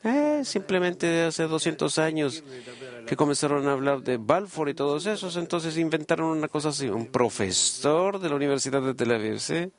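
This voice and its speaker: A man giving a Spanish voice-over of a conversation, earnest and halting, with many pauses and fillers. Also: fairly high pitch, animated.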